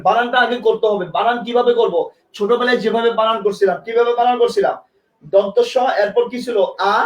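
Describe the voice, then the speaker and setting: A man's voice: extremely high pitch, roomy sound. A man with a Bangladeshi Bengali accent teaching a live exam-prep lesson, repeating points and quizzing students with questions. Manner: emphatic, urges attention.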